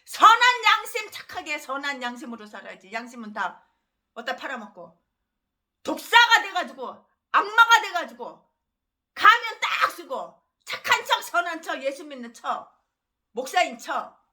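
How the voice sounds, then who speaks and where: Woman, pastor, fiery ranting sermon, very lively pitch swings, loud bursts then low drops. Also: moderate pace.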